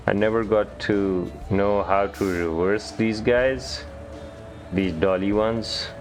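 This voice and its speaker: Low-voiced man narrating gameplay. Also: takes it slowly, soft background music. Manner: relaxed, thinking aloud, hesitant restarts. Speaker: gamer. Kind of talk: gameplay commentary.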